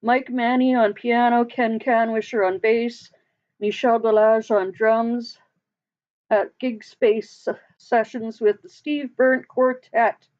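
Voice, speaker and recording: A woman with a fairly high voice chats unhurriedly with her viewers on a live stream. She rambles, laughs often and leaves sentences unfinished. The stream audio sounds dull and lo-fi. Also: little pitch movement, takes it slowly, darkish tone. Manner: chatty, laughs often, trails off mid-sentence. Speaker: livestream host. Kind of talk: casual live chat with viewers.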